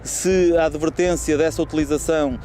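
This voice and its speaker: Fairly high-pitched European Portuguese man, interviewed. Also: steady tone, moderate pace, dark tone, a little hiss or hum. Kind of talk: interview answers.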